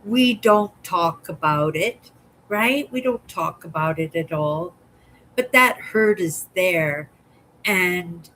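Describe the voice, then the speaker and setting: A woman's voice: on the low side, a bit bright, slight background noise, rough recording. A woman in her sixties who muses aloud in a casual vlog monologue and often ends her thoughts with a questioning "right?". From Canada. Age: 60s. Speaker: vlogger.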